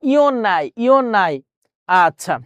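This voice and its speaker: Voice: mid-range voice, animated, a little slow, clean tone, dry recording. A teacher running an exam-prep grammar lesson, repeating words and questions, asking viewers, then answering.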